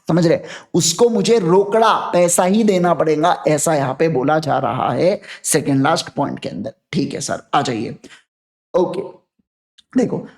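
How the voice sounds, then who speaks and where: A man teaching law in a live online lecture on a podcast mic, chatty and jokey, often asking students to repeat answers. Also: high-pitched.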